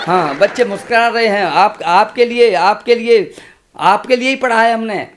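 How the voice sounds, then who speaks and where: A man's voice: sits high, normal speed, background noise. A man in his sixties, a comic poet reciting humorous verse on stage, repeating lines and making chatty asides to the audience.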